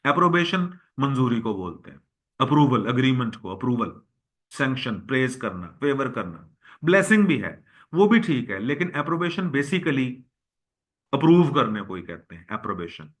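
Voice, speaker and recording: A male teacher works through a vocabulary list, drilling each word by saying it again and again. His voice is bright and forceful, and he talks to his class as boys and girls. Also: mid-range voice, sing-song, moderate pace. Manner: drills words by repeating them; addresses students as boys and girls. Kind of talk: recorded lecture.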